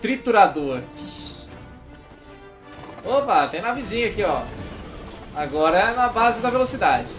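A man's voice: high-pitched, big pitch swings, a little slow, long pauses, faint music behind. A middle-aged man with a Brazilian accent giving casual gameplay commentary into a headset. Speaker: game streamer. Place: indoor streaming setup.

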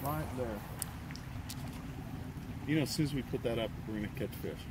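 The fishing vlogger here is a middle-aged guy from Texas, narrating outdoors in a laid-back, coaching way at a medium pitch. His phone camera captures him by a rocky creek, with the loud rush of water all around.

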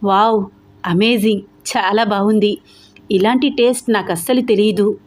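A woman's voice: mid-range voice, steady tone, normal speed, a little mellow, natural voice. A woman doing an effusive young woman. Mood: delighted. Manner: eager, effusive.

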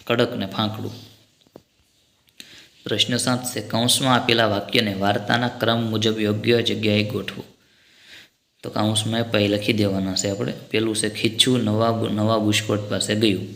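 Lower-voiced male teacher in an echoey room. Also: creaky, a bit bright. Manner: patient, step-by-step explaining to children. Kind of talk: workbook lesson explanation. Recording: roomy echo.

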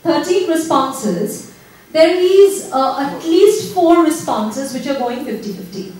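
A woman moderating a seminar audience game, prodding people for answers in a brisk way. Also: sits high, lively intonation, a little mellow. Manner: brisk, prodding, laughs between questions. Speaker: discussion moderator. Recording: echoey room from far off.

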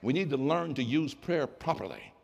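A male pastor preaching a sermon, swinging from quiet asides to impassioned shouts. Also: medium pitch, expressive, moderate pace, creaky, slightly rough, highs cut off.

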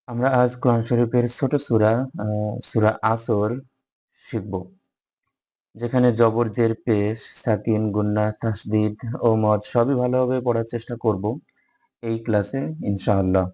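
A man teaching a Quran recitation lesson, patiently repeating each word slowly so that learners can follow along. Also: lowish voice, warm tone. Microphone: microphone.

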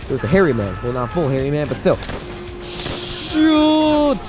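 Joking young-sounding male gamer, lively pitch. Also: unhurried, over music. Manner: joking, rambling, yells repeated taunts at enemies. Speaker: gamer playing a war shooter. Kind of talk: let's play commentary. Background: game soundtrack and gunfire.

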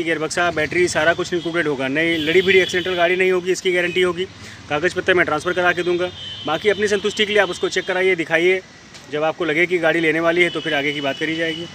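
A man gives a brisk, repetitive sales pitch while walking around cars on an outdoor lot, filming on a handheld phone. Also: sharp tone. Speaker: used car dealer. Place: outdoor used car lot. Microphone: handheld phone camera. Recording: faint outdoor street noise.

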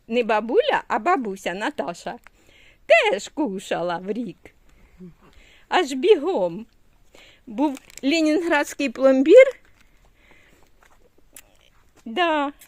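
A woman's voice: high-pitched, sing-song, slow, long pauses, no room sound. A woman in her sixties from Ukraine, a grandmother vlogging at home with her family and coaxing a toddler in sing-song baby talk. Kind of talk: casual home vlog.

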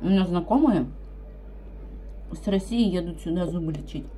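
A woman with a lowish voice talks lazily around a mouthful of food, chewing as she goes. She sounds drowsy and unhurried, like an eating vlogger chatting to the camera. Loud noise runs under her voice the whole time. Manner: sleepy, relaxed chatting between bites. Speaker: mukbang vlogger. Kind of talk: casual eating vlog chat.

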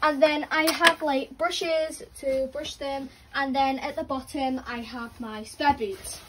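A bubbly young woman with a high voice shows her side of the tack room. She talks quickly, peppering her lines with "like." Faint noise sits under the phone recording. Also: steady tone, a bit bright, low-quality recording. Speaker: co-vlogger showing her half of the barn. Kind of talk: casual barn tour. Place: outdoor horse barn and stables. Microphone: phone camera held nearby.

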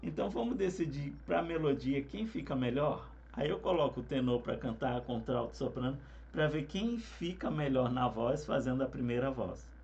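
A man, a singing teacher explaining harmony parts in a relaxed, conversational way. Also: mid-range voice, moderate pace, gravelly, few pauses, lo-fi sound, music in the background. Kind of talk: explaining vocal harmony with sung examples.

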